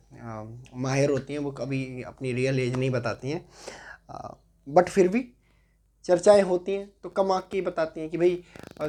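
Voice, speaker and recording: This is a man in his twenties whose voice sits a little high and warm, with slight noise in the background. Teaching reasoning for an exam, he blends English into his Hindi, asks tag questions, and talks slowly while echoing words he writes on the board.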